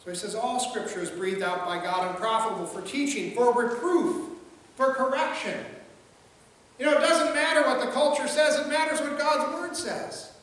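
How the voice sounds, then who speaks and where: A middle-aged pastor with an extremely high, slightly bright voice preaches at a normal speed from the pulpit of a large church. He talks conversationally, repeating words and mixing in jokes and quoted voices. A pulpit mic and far-off camera record him in an echoey hall with faint ambience.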